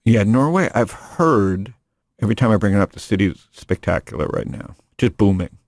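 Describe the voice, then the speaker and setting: A male podcast host chats casually in a studio room, rambling, joking, and frequently restarting his sentences. His lowish, slightly mellow voice has lively intonation and a moderate pace, captured as a dry, clean studio recording.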